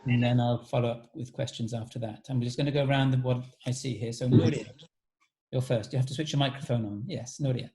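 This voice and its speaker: A man's voice: medium pitch, steady tone, brisk, mellow. A man hosting an alumni talk over a video call, casually inviting each former student to introduce themselves.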